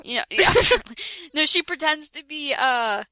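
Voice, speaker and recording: Reading fan fiction aloud as a comedic dramatic reading with chat, a young woman keeps stopping for jokes and mock-dramatic voices. She speaks slowly in a high, animated, sharp voice, with no room sound in the recording.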